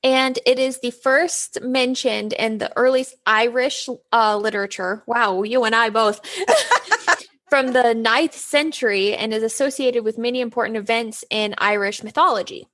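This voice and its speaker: Higher-voiced giggly woman podcaster. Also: measured pace, a bit bright. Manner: giggly, frequent "mm-hmm" backchannels. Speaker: podcast co-host. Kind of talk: casual chat.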